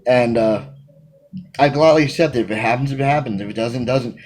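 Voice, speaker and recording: This man in his thirties, a wrestling manager, speaks briskly in a mid-range voice, reading interview questions aloud and responding to each one energetically. He gestures a lot while talking emphatically into a phone camera at arm's length in a small room at home, and the audio quality is poor.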